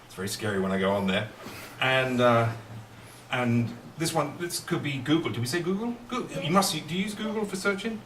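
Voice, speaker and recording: With an expressive, slightly fast delivery and a bit of brightness, a middle-aged man in the mid range plays a kids' party magician. He uses playful questions to coax his young audience, heard through a distant mic in a roomy space with faint noise.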